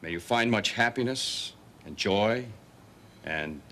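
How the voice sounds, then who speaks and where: A man's voice: on the low side, expressive, slow, pushed and bright, heavily acted. An actor playing a jovial father hosting a wedding party in a television drama, hearty and celebratory. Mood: proud, celebratory. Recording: busy party crowd and room noise.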